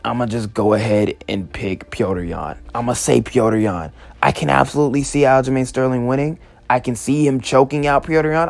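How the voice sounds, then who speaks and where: A man's voice: medium pitch, vocal fry. Laid-back man chatting fight predictions. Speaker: MMA prediction host. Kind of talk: casual commentary.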